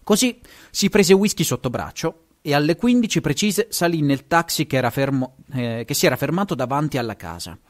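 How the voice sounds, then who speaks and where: A man's voice: on the high side, brisk, hardly any pauses. A man with an Italian accent, reading a story aloud on his show, now and then stumbling and correcting himself. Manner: lively, stumbles and corrects himself, chuckles at asides. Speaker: podcast host and story reader.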